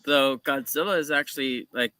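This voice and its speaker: A man's voice: medium pitch, moderate pace, bright, forceful tone, no echo. A man on a casual panel podcast, pushing back on a point with insistent, rambling arguments. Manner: insistent, hedging with "like".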